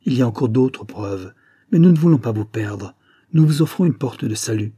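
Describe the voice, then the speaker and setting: A man reading the part of a stern, commanding gentleman who speaks imperiously in an audiobook. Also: medium pitch, animated, moderate pace, breathy edge, dry recording, studio quality. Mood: menacing. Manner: imperious, firm.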